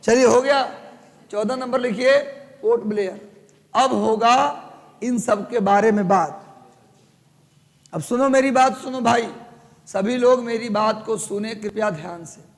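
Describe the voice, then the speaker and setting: Bihari teacher guy dictating notes, gravelly high voice, sore throat, echoey hall. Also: unhurried, pauses often. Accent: Bihari Hindi. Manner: joking, scolding, dictating to students. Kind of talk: live classroom lecture. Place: classroom.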